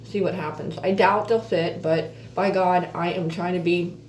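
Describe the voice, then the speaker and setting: A woman with missing front teeth and softly slurred F sounds gives a casual, halting, chatty update as an earnest vlogger. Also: on the low side, steady tone. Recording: roomy echo, distant mic, faint noise.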